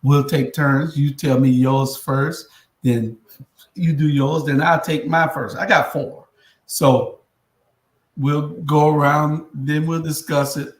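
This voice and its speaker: A man's voice: on the high side, fairly even intonation, slow. A man hosting a casual panel, moderating in informal, hesitant phrasing. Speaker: host and moderator. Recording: roomy echo.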